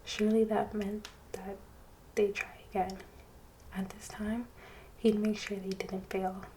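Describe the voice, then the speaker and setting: A woman doing soft-spoken ASMR reading, drifting between a hushed voice and a whisper. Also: medium pitch, flat delivery, a little slow. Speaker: ASMR channel host. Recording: street noise in background. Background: street traffic.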